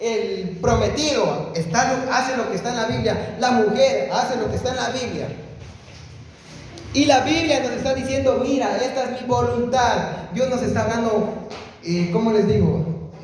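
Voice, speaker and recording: A man's voice: very high-pitched, moderate pace. A man preaching a sermon and questioning the congregation directly. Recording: echoey hall, faint noise.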